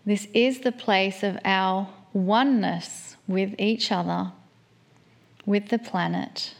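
Brief: female meditation guide, very unhurried, soft and soothing delivery with long pauses. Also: medium pitch, fairly even intonation, vocal fry.

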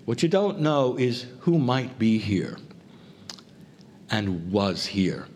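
Measured, solemn man giving a spiritual talk. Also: on the low side, big pitch swings, darkish tone. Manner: measured, deliberate, solemn phrasing. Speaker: channeler addressing a group. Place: live before a group. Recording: faint background noise.

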